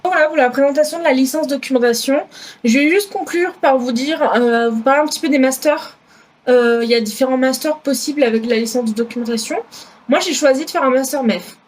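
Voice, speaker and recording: Talking fairly quickly in a high register, a twenties-aged student from France records a casual vlog. Her southwest French accent comes through as she rambles with plenty of fillers and keeps correcting herself.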